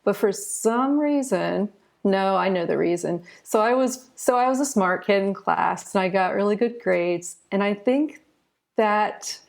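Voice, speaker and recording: With a creaky, mid-range voice and a measured pace, this American woman in her forties shares personal stories candidly and informally as an interview guest. She's from southern Ohio, a retired doctor now writing books, and she often says "you know."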